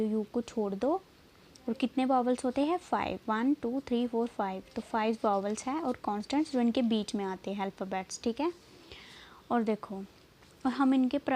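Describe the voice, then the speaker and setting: A woman teaches a simple classroom lesson. Her voice sits a little high but sounds mellow and soft-edged. She checks in with her listeners again and again, and she slows right down whenever she spells something out. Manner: repeats "theek hai" often, slow and drawn-out when spelling letters.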